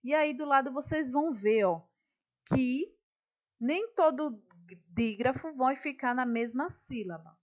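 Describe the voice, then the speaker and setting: Woman schoolteacher, patient and unhurried, higher voice; lessons explained step by step. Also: lo-fi sound. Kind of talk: classroom lesson.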